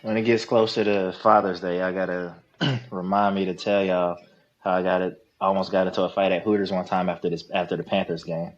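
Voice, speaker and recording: A man's voice: low-pitched, little pitch movement, a little fast, muffled recording. A man on a podcast panel chatting in a laid-back, slangy way and laughing easily. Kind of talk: casual chat.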